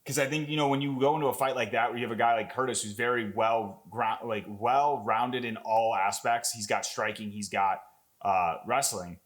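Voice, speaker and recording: A young man with an ordinary middle-pitched voice talks through a fight replay for his channel. He rambles loosely, piles on fillers and curses, and gets worked up over the action. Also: normal speed. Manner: excitable, rambling, swears a lot, many fillers. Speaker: MMA content creator. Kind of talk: casual fight breakdown commentary.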